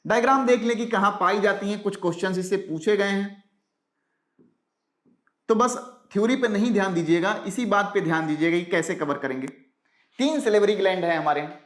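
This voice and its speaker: A man teaching an exam-prep biology lesson, asking rhetorical questions and answering them himself, repeating key terms slowly and mixing English science words into his talk. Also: sits high, echoey room.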